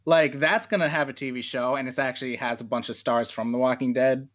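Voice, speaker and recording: A man co-hosting a podcast, explaining at length with plenty of "like" and "uh". His voice has a bright edge. The sound is dull and lo-fi, as if from a cheap mic. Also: mid-range voice, fairly even intonation, fairly quick. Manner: explains with many "like" and "uh" fillers. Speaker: podcast co-host. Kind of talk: casual chat.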